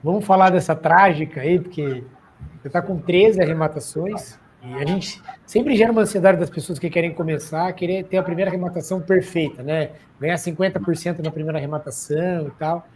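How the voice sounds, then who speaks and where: A man hosting an interview with an energetic, chatty and joking manner, welcoming and thanking his guest. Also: on the high side, a little fast, slight background noise. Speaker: interview host and auction course teacher.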